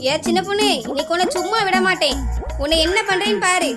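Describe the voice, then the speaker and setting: A woman's voice: extremely high pitch, fast, loud music behind the voice. A woman voicing a fed-up, quarrelsome neighbour with a Kanyakumari Tamil accent, scolding and complaining.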